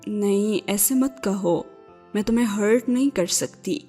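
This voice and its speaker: Storybook: woman reads a devoted young girl, sincere and pleading, mid-pitched. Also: mellow, faint music behind, lightly acted. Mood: earnest. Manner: pleading and earnest. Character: earnest, devoted little girl of about nine.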